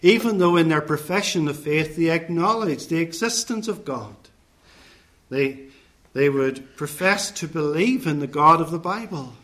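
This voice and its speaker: A man preaching a sermon in a measured, deliberate way, setting out points one by one and listing phrases with care. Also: a little high, a bit bright.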